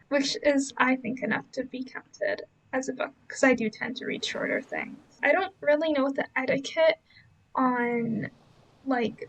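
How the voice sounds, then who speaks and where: A young woman talks casually over gameplay footage in a relaxed voice-over. Her voice sits high and slips into gravelly fry at phrase ends. She rambles gently, hedging often with fillers. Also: poor audio. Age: young adult. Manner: rambling, many fillers and hedges. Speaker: book vlogger.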